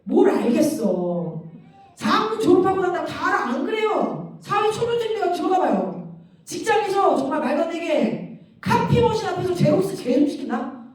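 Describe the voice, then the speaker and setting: Woman preacher, high expressive voice, animated and teasing delivery; recorded far off in a very echoey hall. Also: moderate pace. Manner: animated, laughing, mocking asides. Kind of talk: sermon. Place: church sanctuary. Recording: very echoey hall, mic at distance.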